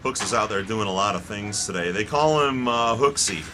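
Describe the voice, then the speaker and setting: A man with a fairly low voice calls an amateur hockey game from the rink booth as the play-by-play announcer. He speaks at a moderate pace and pokes fun at the players with playful jokes, with background noise throughout.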